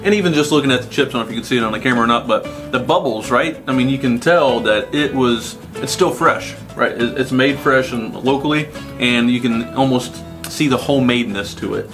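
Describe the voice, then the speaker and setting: A man's voice: medium pitch, fairly quick, music in the background. A man hosting a casual food review chat, conversational and putting questions to his co-host. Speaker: host of a snack review show.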